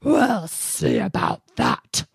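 A woman voicing a gruff male bear who growls his words slowly and loudly. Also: mid-range voice, huge pitch swings, no echo, studio quality, heavily acted. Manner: growling, loud and slow.

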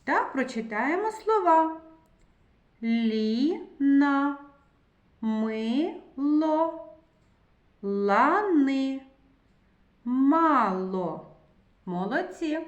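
A woman's voice: high voice, lively intonation, muffled recording. A woman teaching a phonics lesson to young children, drawing out each word and spelling sounds out one by one. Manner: slow, drawn-out words, sounds spelled out one by one. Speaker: preschool teacher. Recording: echoey room.

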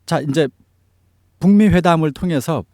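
A man's voice: on the high side, moderate pace, darkish tone, dry recording, studio quality. A man giving explanatory analysis as a political commentator in an interview, stressing key phrases. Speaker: news commentator on North Korea affairs.

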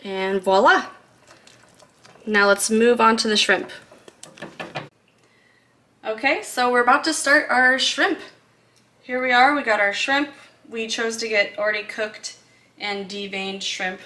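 A woman's voice: a little high, slow, pauses often, sharp tone. A woman explaining a recipe step by step in a casual, chatty cooking video, recorded in a home kitchen, laughing now and then. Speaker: cooking vlogger.

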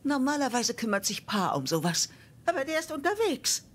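A woman's voice: sits high, very animated, fairly quick, slight background noise. A woman voicing a sweet, folksy old farm woman in a video game, homely and politely scolding. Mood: sweetly indignant. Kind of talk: video game voice acting, German dub.

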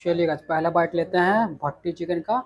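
A young food vlogger from Bihar, India, talks a little fast in a voice on the high side, with fairly even intonation. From a small indoor restaurant dining room, he tastes food and recommends it straight to his viewers in a casual style.

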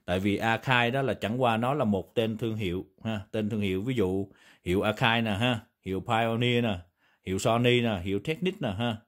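Here the vintage-audio reviewer talks at a moderate pace in a voice on the low side. He's a man with a Southern Vietnamese accent, demonstrating gear on a table in an indoor room, and his casual, off-the-cuff explanation rambles with frequent confirming tags.

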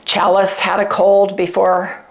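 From her home kitchen, an older woman who hosts a keto cooking channel chats with viewers in a casual vlog, calling them "you guys." She's sick and losing her voice, which is hoarse and gravelly, medium-pitched, and a little slow, with coughing and frequent throat clearing. The lapel mic sits close, but there's heavy background noise.

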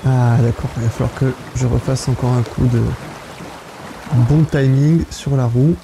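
A man's voice: medium pitch, fairly even intonation, measured pace, vocal fry, noisy background. A man casually commenting while he plays a VR game as a let's play host, chatting to himself as he goes. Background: game music.

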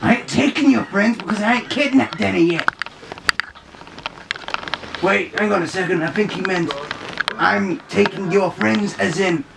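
A pet video creator gleefully putting on a silly voice for a pet bird, in excitable, joking chatter. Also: mid-range voice, unhurried, gravelly, pauses often. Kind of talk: playful pet-voicing vlog chatter. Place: indoors at home with pet birds. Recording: distant mic with loud background noise.

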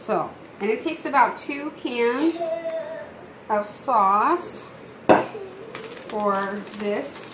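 Woman, home cooking demo, slightly high voice, echoey kitchen, noisy background. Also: animated, extremely slow, long pauses. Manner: chatty, instructive, talks to viewers. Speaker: mom cooking on camera. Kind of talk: casual cooking demonstration. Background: child crying, household noise.

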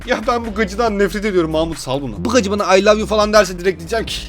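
A young man giving excitable, joking commentary while playing a game, often laughing and exasperated. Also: high voice, rapid-fire. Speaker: gaming YouTuber. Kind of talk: gameplay commentary. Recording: faint game music behind.

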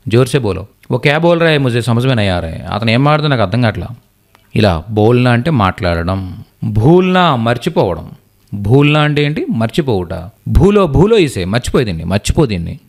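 A man's voice: medium pitch, very animated. Patient man teaching word by word. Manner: repeats each word slowly, translating back and forth. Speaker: Hindi teacher. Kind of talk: online class lesson.

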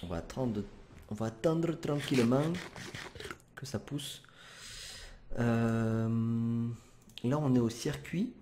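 A man's voice: mid-range voice, takes it slowly, long pauses, dark tone, a little hiss or hum. A man commenting as he plays a game, hesitant and chatty, with many fillers and self-corrections. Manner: apologizes for swearing, casual and chatty. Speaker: gamer commentator. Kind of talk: let's play commentary.

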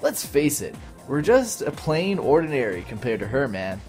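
A laid-back teenage boy classmate from a video game, read aloud by a man. He has a mid-pitched, everyday voice and a loose, casual delivery. The reading stays plain, with no character voice. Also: very animated, moderate pace, a little mellow, faint music behind, natural voice. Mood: gossiping. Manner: reads game text aloud in his own voice.

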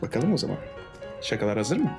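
A man hosting a casual joke challenge stream, talking lively and laughing easily. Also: medium pitch, fast talker, vocal fry, over music. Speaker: streamer host.

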